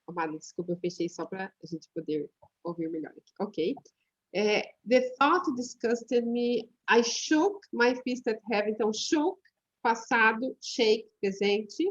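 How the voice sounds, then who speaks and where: Woman teacher, fairly high voice, patient explainer who slows down to model words, dull lo-fi online-class sound. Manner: explains patiently, repeats words slowly for pronunciation. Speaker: English teacher.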